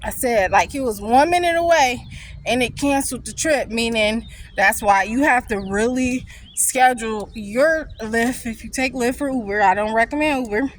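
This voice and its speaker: A woman's voice: on the high side, normal speed, slight background noise, low-quality recording. A young woman vlogging while walking outdoors, out of breath, talking in a rambling, candid way. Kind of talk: casual chat. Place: outdoors on foot, near traffic.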